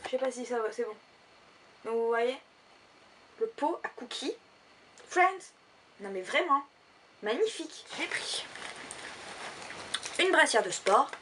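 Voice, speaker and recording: A woman's voice: a little high, lively intonation, unhurried, pauses often, bright, forceful tone, far from the mic, slight background noise. Chatty woman in a haul vlog. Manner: chatty, rambling, many fillers. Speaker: vlogger.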